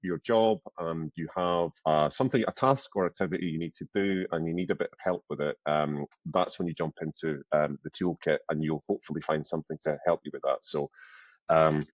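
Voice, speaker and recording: A man's voice: extremely low pitch, a little fast, no echo, highs cut off. A Scottish man in his fifties, a podcast guest chatting casually, self-deprecating, with lots of fillers and restarts. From Scotland. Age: 50s. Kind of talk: casual interview conversation.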